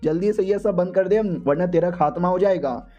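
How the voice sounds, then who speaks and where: A man's voice: high voice, moderate pace, lo-fi sound, lightly acted. A man voicing a tough young male hero who talks bluntly and threateningly.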